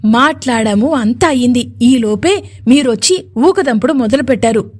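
A woman's voice: on the high side, animated, normal speed. A woman voicing a frightened, servile man pleading with his boss in an audio story. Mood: nervous. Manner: nervous and deferential pleading.

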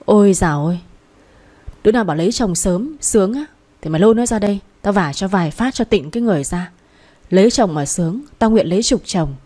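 Old village woman, blunt and scolding, read by a female narrator; mellow tone. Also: medium pitch, expressive, fast talker, lightly acted. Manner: coarse, nagging.

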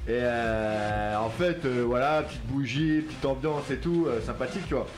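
A man on a radio show telling a funny personal story in casual banter, full of hesitant fillers, in a small studio with music underneath. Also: medium pitch. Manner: rambling, many filler pauses. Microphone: studio mic with headphones.

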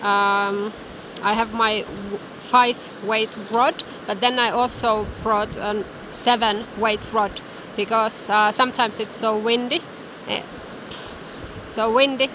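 A woman's voice: a little high, fairly even intonation, slow. A young woman vlogging about fly fishing beside a mountain river, talking casually into a handheld camera. She sounds enthusiastic and often repeats her words. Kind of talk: casual outdoor vlog talk. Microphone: handheld camera close to her face. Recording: outdoor wind noise, background music.

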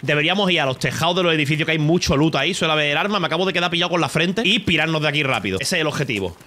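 A man's voice: on the high side, lively intonation, racing, bright, forceful tone. A man from Spain with an Andalusian accent, streaming a game while rambling, swearing and joking with his chat. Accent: Andalusian Spanish. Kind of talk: gaming livestream commentary. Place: home streaming setup.

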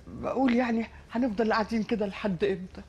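A woman's voice: medium pitch, expressive, fast, a little mellow, dull audio, a little hiss or hum, natural voice. An actress playing an elderly female hostage with an Egyptian accent, grumbling plaintively. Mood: weary. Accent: Egyptian Arabic. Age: older. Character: elderly woman hostage, weary and complaining.

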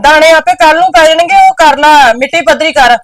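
A woman's voice: sits high, huge pitch swings, fairly quick, no room sound. A woman playing a bossy, dismissive aunt who gives orders to her nephew about farm chores. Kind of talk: village short film acting.

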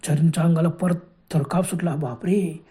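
Dark-voiced man telling a horror story. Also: fairly high pitch, steady tone, moderate pace. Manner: dramatic, exclaiming in fright. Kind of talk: spoken horror story narration.

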